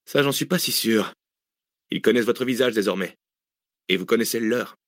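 A man's voice: lowish voice, normal speed, dry recording, clean studio sound, close to an everyday voice. A man voicing a terse, cool fugitive. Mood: curt. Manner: curt, clipped, laconic. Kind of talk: audiobook character voice.

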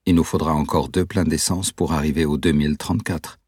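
Un homme lisant un jeune compagnon détendu et encourageant. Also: male voice, rumbling low, steady tone, brisk, darkish tone, breathy edge, no echo, clean studio sound. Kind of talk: audiobook reading.

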